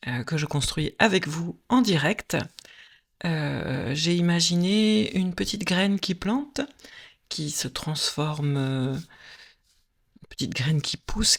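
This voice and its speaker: A woman narrating a screen-recorded software tutorial, explaining step by step with frequent hesitant filler pauses. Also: low-pitched, gravelly.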